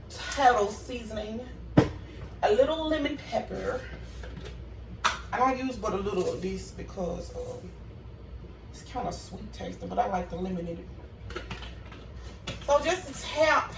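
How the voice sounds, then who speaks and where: A woman's voice: medium pitch, gravelly, noisy background. Chatty woman filming in her kitchen. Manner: chatty, talks to viewers as y'all. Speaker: cooking vlogger. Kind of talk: casual cooking vlog. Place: home kitchen. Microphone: phone camera. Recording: echoey kitchen, phone mic at a distance.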